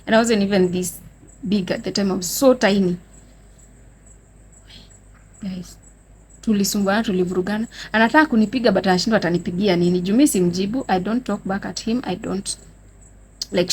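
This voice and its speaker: A young Kenyan vlogger with a medium-pitched voice speaks a little fast but leaves long pauses while relating a dramatic personal story. She has a Kenyan accent, mixes Swahili and English in this casual storytime vlog, and tells it animatedly, addressing viewers as "guys." A slight hiss or hum is audible.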